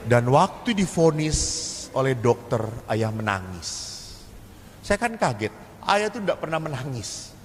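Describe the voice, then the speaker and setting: Javanese priest preaching in an echoey hall. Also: male voice, medium pitch, big pitch swings, measured pace. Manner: storytelling with acted family dialogue, humorous asides. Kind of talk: sermon-style seminar talk. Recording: echoey hall, faint ambient noise.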